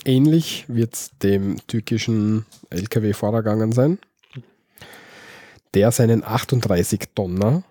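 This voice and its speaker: Man, Austrian accent, low voice, mellow tone, dry close mic, casual podcast chat. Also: slow pace, no echo. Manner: easygoing, explains dialect words.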